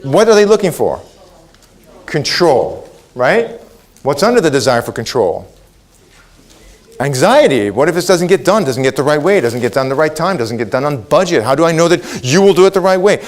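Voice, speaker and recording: Lively man giving a keynote talk. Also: fairly high pitch, moderate pace. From Israel. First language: Hebrew. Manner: lively, audience questions, acts out quotes. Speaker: keynote speaker. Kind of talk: motivational keynote.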